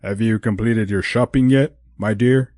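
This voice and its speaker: A man voicing a kindly, wise old Santa Claus in an audiobook, talking in a fatherly, gentle way. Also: lowish voice, moderate pace, no room sound, clean studio sound, lightly acted. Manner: avuncular, calls her "my dear". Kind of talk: audiobook character voice.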